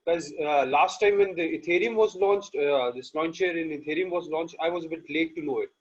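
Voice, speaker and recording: A man's voice: on the high side, a little fast, breathy edge. A man from Malaysia joining a video call, eager and repeating words for emphasis. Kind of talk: casual guest remarks. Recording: dull lo-fi call audio.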